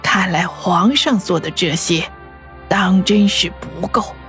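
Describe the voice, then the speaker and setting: A woman voicing an aged, stern noble mother who scolds her son in a slow, reproachful, trembling voice in a fan audio drama. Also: fairly low pitch, fairly bright tone, faint music behind. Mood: grieved. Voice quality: breathy, trembling.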